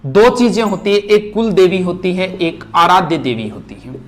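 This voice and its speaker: A man teaching a history revision lesson at a board, reciting names and facts in quick lists. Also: high-pitched, slight background noise. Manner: rapid, list-like recitation. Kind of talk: fast exam revision lecture at a board. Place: classroom with board.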